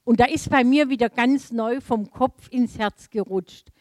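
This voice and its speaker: A middle-aged woman from Germany delivers a sermon woven around a personal anecdote. She tells it with lively, laughing asides in a voice pitched a little high. The sound is dry, with no room echo. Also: unhurried. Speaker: preacher.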